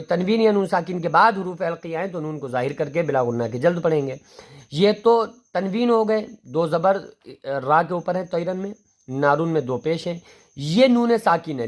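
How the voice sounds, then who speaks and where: A man teaching a Quran reading class, explaining rules step by step and spelling out letters slowly, repeating each word. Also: high voice.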